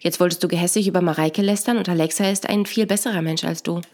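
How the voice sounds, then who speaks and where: A woman's voice: on the low side, fairly even intonation, fast, darkish tone, lightly acted. A woman reading the lines of a cutting inner ego voice that scolds and belittles, in a scripted narration. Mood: belittling.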